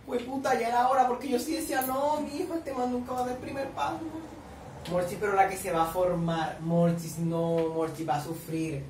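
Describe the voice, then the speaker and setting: Here the series reaction vlogger speaks fairly quickly in a high, steady voice, still shrieking dramatically and addressing viewers by his pet name for them. Background noise, room echo and a distant camera mic color the sound.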